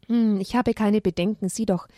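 A woman voicing a gentle, caring mother in a children's story, calm and reassuring. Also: medium pitch, normal speed, no room sound, clean studio sound, close to an everyday voice. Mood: soothing.

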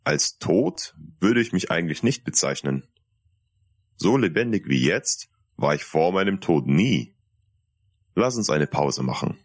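Male reader doing warm older guide figure, calm and reassuring, low voice, dry studio. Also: measured pace, no echo, full character voice. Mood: gentle. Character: kind older man, dead yet vibrant, reassuring. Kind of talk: audiobook dialogue.

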